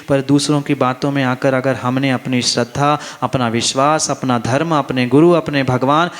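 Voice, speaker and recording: A man preaching a sermon as a monk, emphatic, repeating phrases and asking his listeners questions. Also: mid-range voice. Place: large hall at a religious festival. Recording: long reverb of a large hall.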